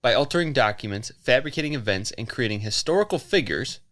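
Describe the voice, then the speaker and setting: A man's voice: medium pitch, expressive, quick pace, a bit bright. Giggly male podcast storyteller. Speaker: podcast co-host. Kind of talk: casual chat.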